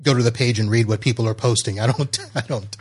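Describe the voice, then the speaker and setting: A man's voice: medium pitch, steady tone, quick pace, breathy edge. Chatty man hosting a podcast. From Florida. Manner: chatty, laughs while reading. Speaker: podcast host. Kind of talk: casual podcast chat.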